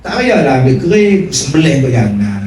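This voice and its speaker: A man preaching a sermon, telling stories animatedly and acting out dialogue with big swings in pitch. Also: very animated, brisk, darkish tone. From Malaysia. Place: prayer hall. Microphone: phone recording from the audience. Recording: echoey hall from far off with room noise.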